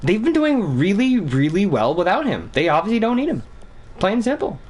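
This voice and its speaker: A young man from Vermont streaming a hockey game, chatting casually and thinking out loud with some cursing. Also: sits high, huge pitch swings, brisk. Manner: rambling, cussing, thinks out loud. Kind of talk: casual gaming commentary.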